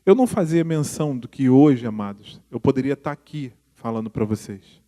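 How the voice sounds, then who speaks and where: A middle-aged man preaching with a Brazilian Portuguese accent, his voice of middling pitch jumping up high when he stresses a point. He keeps asking the congregation questions. The sound carries a long reverb from a big church hall. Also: brisk. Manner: animated, pitch jumping up on emphasis, asks audience questions. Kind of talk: sermon.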